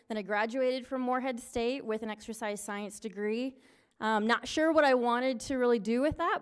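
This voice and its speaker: A woman in her forties, a recreation coordinator presenting at a city meeting in an upbeat, loud lifeguard voice with many fillers. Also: medium pitch, clean tone. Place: city council meeting room.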